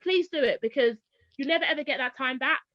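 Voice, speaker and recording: Animated high-voiced woman, dry lo-fi sound. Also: quick pace, no room sound. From Barbados. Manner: animated storyteller, acts out quoted voices. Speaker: guest, former teacher now homeschooling parent. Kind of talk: casual interview chat.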